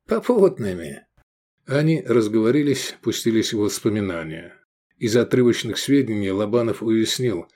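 A man narrating an audiobook with expressive, animated reading. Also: mid-range voice. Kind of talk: scripted narration.

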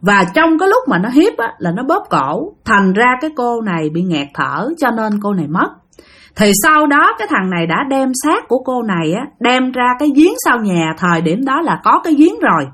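A woman's voice: fairly high pitch, a bit bright, breathy edge. A woman with a Southern Vietnamese accent telling a ghost story, chatty and talking straight to her listeners. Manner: chatty, addresses listeners directly. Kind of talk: spooky storytelling.

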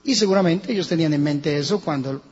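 Colombian male pastor, husky and fairly high, dramatic sermon delivery, reverberant lo-fi church recording with hum. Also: fast. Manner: preaching with dramatic shifts between hushed and loud. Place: church hall.

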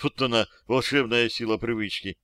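A man narrating a first-person audiobook in a steady, even storytelling voice. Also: mid-range voice, moderate pace, clean tone, dry recording, clean studio sound.

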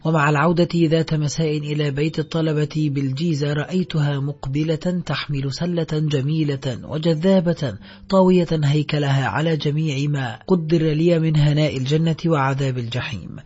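A man with a husky voice narrating a literary novel in a measured, even storytelling manner. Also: on the high side. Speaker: audiobook narrator. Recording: slightly dull recording, faint music.

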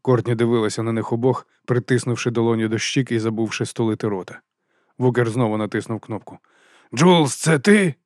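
A man's voice: mid-range voice, no echo. Man narrating an audiobook, dry close sound. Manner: measured, even reading.

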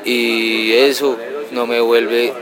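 A man, talking roughly and in slang, now and then mocking others in a put-on voice. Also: medium pitch, flat delivery, very slow, poor audio. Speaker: punk band member. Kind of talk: casual interview answers. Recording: loud crowd noise outdoors.

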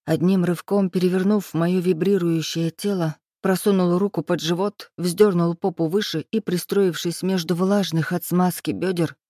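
Woman, audiobook narrator, steady first-person reading, mellow and dry sound. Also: fairly low pitch, no echo.

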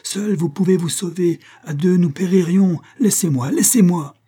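A man's voice: mid-range voice, moderate pace, dark tone, slightly rough, close to an everyday voice. A man voicing a brave, resolute woman traveler in an audiobook, in a raised, pleading voice.

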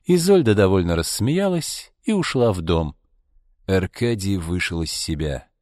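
A man reading a novel aloud in a scripted, expressive audiobook narration, dropping to a low, gruff voice for a male character. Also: measured pace, no room sound, long reverb tail.

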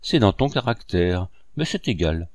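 A man's voice: low voice, sing-song, normal speed, darkish tone, no echo, studio quality. A man voicing a greedy, mocking male accomplice who blackmails in a sneering, taunting way. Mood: threatening.

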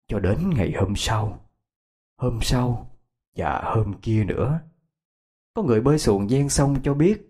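A man narrates a horror story in a husky voice. His delivery is expressive and full of rise and fall, with soft music underneath. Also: medium pitch. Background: faint music.

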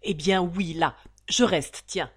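A woman's voice: on the low side, expressive, moderate pace. A woman reading a novel aloud, voicing a smug, swaggering Parisian tough guy who talks in cocky slang. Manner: cocky, slangy, self-satisfied.

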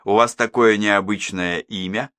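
A man's voice: on the low side, steady tone, measured pace, a bit bright, dry recording, studio quality. Guy reading a strict old mom bossing everyone, audiobook. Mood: stern. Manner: stern, commanding. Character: stern old mother, matriarch of the family.

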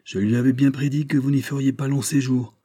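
A man's voice: medium pitch, fairly even intonation, fairly quick, dark tone, no echo, studio quality, pitched above the performer's own voice, natural voice. A man voicing an earnest young male sailor in an audiobook, pleading and insistent.

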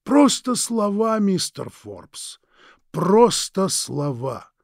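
A menacing male villain drawls each threat with mocking courtesy, as a man reads him in an audiobook. The voice sits higher than usual and carries a gravelly edge. The sound is close and dry. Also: very animated, no room sound, heavily acted. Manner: slow, drawn-out, sneering politeness. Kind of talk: audiobook reading.

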